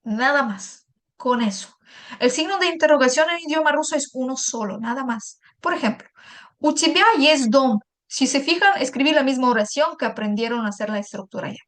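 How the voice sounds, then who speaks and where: A woman with a high voice teaching a patient, step-by-step language lesson. She repeats and translates each example and checks in with short asides. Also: normal speed, fairly bright tone. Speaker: Russian teacher.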